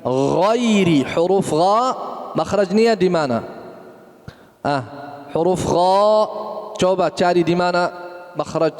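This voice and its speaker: A man teaching Quran recitation, correcting pronunciation and repeating letter sounds slowly. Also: high-pitched, a little mellow, in a large hall. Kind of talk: tajweed lesson with recitation.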